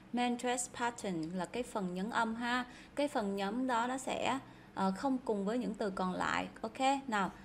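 A woman's voice: on the high side, darkish tone, slight background noise. Chatty Vietnamese woman teaching English. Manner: chatty, repeats words aloud for students. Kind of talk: casual explanatory lesson.

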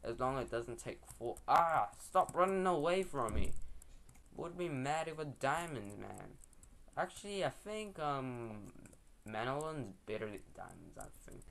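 A man's voice: mid-range voice, sing-song, moderate pace, vocal fry. A young man giving casual, rambling, slangy gameplay commentary as a video host.

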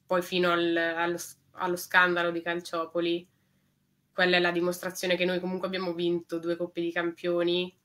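A woman's voice: on the low side, completely flat delivery, normal speed, fairly bright tone. A woman co-interviewing, making her point at length and insistently. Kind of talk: casual interview.

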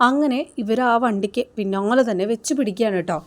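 A woman's voice: medium pitch, fast talker. A woman recounting the plot of a television serial in a chatty storytelling manner. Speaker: serial review narrator. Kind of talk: plot recap narration.

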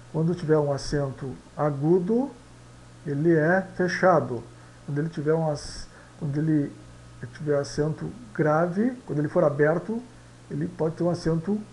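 Male teacher, gravelly, slightly high, checks in often, faint hum. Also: a little mellow, rough recording. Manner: frequent "tá?" and "né?" checks. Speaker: language teacher. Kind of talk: explaining pronunciation rules.

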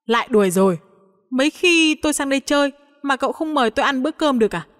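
A woman voicing a pushy, cheerful young man, talking quickly and insistently. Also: high-pitched, expressive, a bit bright, long reverb tail, pitched above the performer's own voice. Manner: insistent, quick teasing talk.

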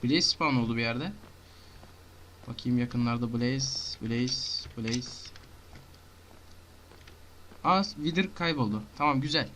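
A man giving casual commentary on his own gameplay, talking to himself and breaking into frantic shouting and rapid repeated words. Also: mid-range voice, slight background noise. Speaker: gamer.

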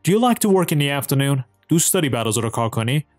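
Iranian man teaching English, lively pitch. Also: dry recording, studio quality, soft background music. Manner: reads English lines slowly and clearly, explains quickly. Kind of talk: language lesson, explaining in Persian with English examples.

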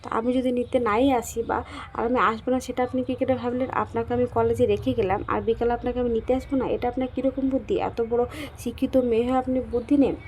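A woman's voice: a little high, level tone, fast talker, darkish tone, a little hiss or hum, close to an everyday voice. A woman voicing a curt young husband who scolds his wife, read in her own plain voice. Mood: scolding.

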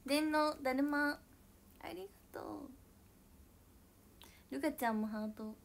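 A young woman with a high, bright voice and a chats casually with viewers on her livestream. She is bubbly and giggly, and she talks loudly. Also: a little slow, creaky, background noise. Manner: giggly, bubbly, frequent laughter; self-describedly loud voice. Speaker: idol livestreamer. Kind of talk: casual chat reading viewer comments.

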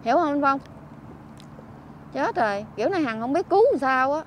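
A woman with a Southern Vietnamese accent, a vlogger chatting on the street who fusses, scolds and keeps exclaiming out loud. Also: sits high, animated, a little fast, slight background noise. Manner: scolding and fussing, exclaims often. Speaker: vlogger helping homeless people. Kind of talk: casual on-street chat. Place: outdoors by a street.

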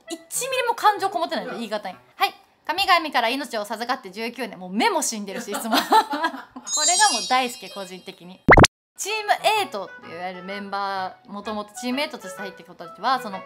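A woman, an idol group member, hosting her own channel and chatting casually with lively, amused asides. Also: fairly high pitch. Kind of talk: casual chat to camera.

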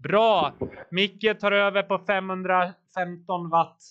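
A man with a fairly high voice coaches his riders live, cheering them on and calling out power numbers. The audio is dull and lo-fi, like a voice-chat stream. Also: fairly even intonation, a bit bright, smooth. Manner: encouraging, calls out watts and turns. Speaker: team coach.

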